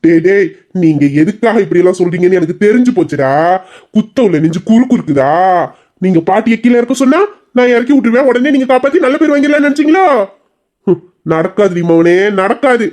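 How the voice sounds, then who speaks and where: A boastful young village lad swaggers through grand, mock-heroic declarations, voiced by a performer. His pitch sits mid-range, with a bold, theatrical swagger. He sounds like a comic storybook hero wannabe. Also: expressive, fast, a little mellow, close to an everyday voice.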